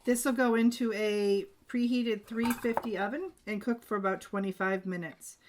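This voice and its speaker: A woman hosting a home cooking show, walking through a recipe step by step in a relaxed, homey way, in a kitchen. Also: mid-range voice, normal speed, background noise. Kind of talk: casual cooking demonstration. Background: clinking dishes and pans.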